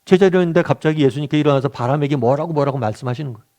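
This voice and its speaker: A man's voice: on the high side, very fast, a little mellow. A middle-aged male pastor leading a weekly Bible study, talking conversationally, asking the group questions and acting out quotes. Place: church meeting room.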